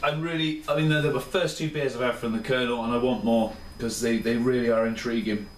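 A fairly quick, steady, medium-pitched voice carries this beer review by a tired man in his thirties, who rambles with laid-back enthusiasm in his small kitchen. Captured on a camera mic a few steps away, the audio is roomy and off-mic, with slight background noise.

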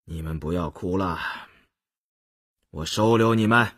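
A severe imperial prince handing down rules, as a male storyteller puts him on, voice dropped low and slow, each phrase weighed out coldly. a husky storybook voice with a hard edge. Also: fairly bright tone, full character voice. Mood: stern, cold. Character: cold, stern imperial prince laying down rules.

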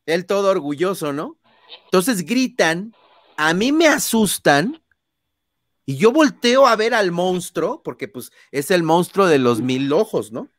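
A guest on an interview, the son of a famous singer, speaks with a Mexican accent in a high-sitting, lively, slightly slow voice, recorded cleanly in a studio with no echo. He tells anecdotes casually, acts out scenes with sound effects, and leans on tag questions and fillers.

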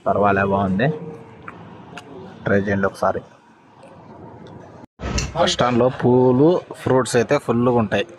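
A travel vlogger narrates a laid-back bus trip, talking to his viewers like friends, with a crowd audible behind him. His voice is medium in pitch and moderately paced, broken by long pauses. It's recorded on a phone outdoors, on a bus and at bus stands, with loud road noise.

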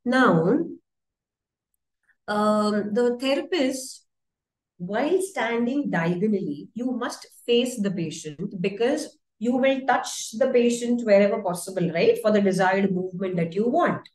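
A woman's voice: mid-range voice, animated, unhurried, darkish tone. Woman lecturing a webinar in a roomy echo. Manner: conversational teaching with rhetorical questions. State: voice dry, briefly croaky. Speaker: physiotherapy lecturer.

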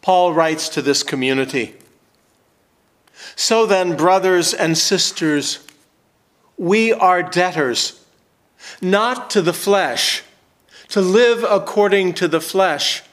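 Older guy pastor reading scripture real slow, kinda high voice, church sanctuary. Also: a bit bright. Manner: slow, measured, emphatic reading.

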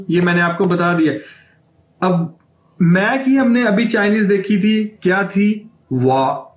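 A man teaching a language lesson, stretching out each new word slowly and quizzing the viewer with questions he answers himself. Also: sits high, echoey room. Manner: slow drawn-out repetition of words; asks the viewer questions, then answers them. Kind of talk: classroom lesson explanation.

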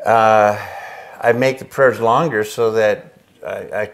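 An older man with a lowish voice recounts a story in an animated, expressive way, often acting out his past reactions and laughing along. He was raised in Chile and speaks into a lapel mic in an indoor workshop. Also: takes it slowly. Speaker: interviewed missionary. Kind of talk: storytelling in a casual interview. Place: indoor workshop with a pegboard wall.

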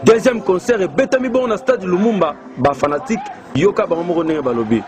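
A man's voice: high-pitched, quick pace. A man narrating a news report voice-over in Lingala with French words. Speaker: news presenter.

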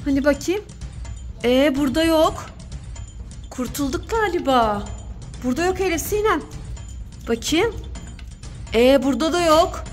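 A woman in her thirties, a mother hosting a playful family vlog, talking in an excitable, mock-frightened, teasing way. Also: sits high, a little slow, long pauses, soft background music.

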